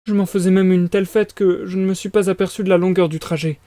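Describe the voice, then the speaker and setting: A man's voice: high-pitched, fairly even intonation, fast, dark tone, no echo, studio quality, voice pushed up, lightly acted. A man reading aloud and voicing an anxious, fussing middle-aged mother who talks in a flustered, gushing way. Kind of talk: audiobook reading.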